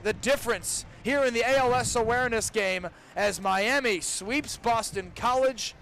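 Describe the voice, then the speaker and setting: A young adult man with a high-pitched voice calls live baseball play-by-play for student radio at a normal speed. His commentary is detailed and descriptive, surging with excitement on big plays, while light, noisy ballpark ambience from the outdoor stadium sits behind him.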